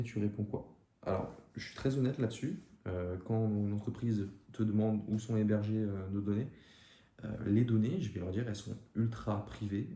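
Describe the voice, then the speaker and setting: Young male creator, gravelly and dark-toned, loose slangy Q&A with lots of fillers, echoey room. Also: lowish voice. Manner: casual slangy talk with many fillers and restarts. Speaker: YouTube creator answering viewer questions. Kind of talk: casual Q&A chat to camera. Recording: echoey room with faint ambient noise.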